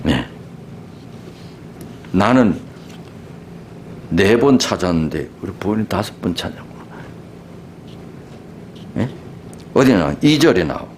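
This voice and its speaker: A man preaching a sermon as a pastor, animated and conversational, often asking the congregation questions. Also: low-pitched, takes it slowly, long pauses, slight background noise.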